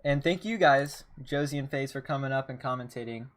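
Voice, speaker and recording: A man hosting and commentating a gaming tournament stream in a relaxed, chatty way with many fillers. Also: medium pitch, fairly quick. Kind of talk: casual esports commentary.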